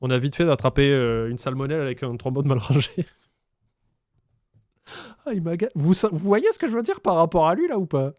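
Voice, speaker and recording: Sarcastic streamer, slightly high voice. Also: male voice, animated, brisk, pauses often, a little mellow, no echo, clean studio sound. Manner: sarcastic, mocking, swears freely, laughs often; acts out scenes in other voices. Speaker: streamer reacting to a show. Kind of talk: casual reaction commentary.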